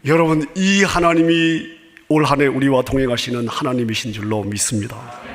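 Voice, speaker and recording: A male pastor preaching a Sunday sermon, asking the congregation questions and sometimes dropping to a soft hush. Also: fairly high pitch. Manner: asks the congregation rhetorical questions and opens phrases with "자"; earnest preaching, drops to a soft hush on key phrases. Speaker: senior pastor. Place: church sanctuary. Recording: long church reverb.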